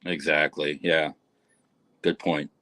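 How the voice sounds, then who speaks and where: A man's voice: a bass voice, little pitch movement, slow pace, bright, forceful tone, dry recording. A man dropping in as a guest on a livestream, bantering in a laid-back way. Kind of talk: casual livestream chat.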